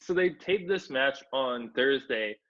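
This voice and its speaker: This podcast co-host speaks a little slowly in a mid-range voice that's slightly bright, with lively intonation. Chatting casually about wrestling, he laughs and curses his way through recapping the matches over lo-fi audio.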